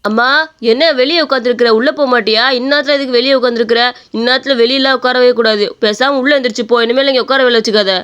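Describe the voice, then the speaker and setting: A woman's voice: a little high, steady tone, quick pace, fairly bright tone, clear, resonant tone, muffled recording, natural voice. A woman voicing a grown son who talks to his mother in a brusque, scolding way. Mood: impatient. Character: young adult son, impatient and dismissive.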